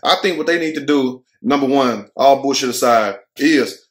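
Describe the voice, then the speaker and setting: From a furnished room at home, a thirtysomething American man hosts a show at a moderate pace and medium pitch. He's blunt and jokey, leaning on slang and plenty of profanity while sharing his opinions casually.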